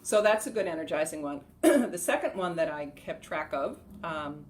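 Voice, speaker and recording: Middle-aged woman, casual meditation teacher, lower-pitched, laughs easily, on a camera mic. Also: animated, normal speed, slight background noise. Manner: chatty, laughs often, loud rhythmic "ha" shouts during exercises. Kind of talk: casual instructional talk to camera.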